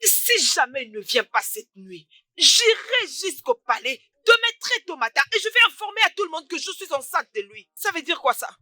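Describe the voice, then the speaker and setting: A woman's voice: extremely high pitch, very animated, normal speed, dry recording, heavily acted. Field: a woman playing a fiery young village woman. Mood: defiant. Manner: defiant, loud, combative. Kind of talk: dubbed film acting.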